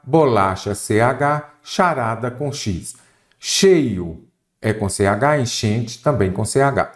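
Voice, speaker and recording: A man with a Brazilian Portuguese accent explains grammar rules for an exam course. He keeps asking the class questions and answering them himself, in a mid-range voice. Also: medium pitch. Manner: didactic, asks and answers his own questions. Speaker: exam prep teacher. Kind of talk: grammar lesson with rhetorical questions.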